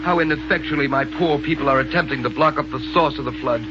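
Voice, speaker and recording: Casting: an anxious underground city leader, fast-talking and bright, old 1930s radio recording with faint hiss. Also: male voice, a little high, highs cut off. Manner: fretful, pleading, apologetic. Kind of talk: 1930s radio drama acting.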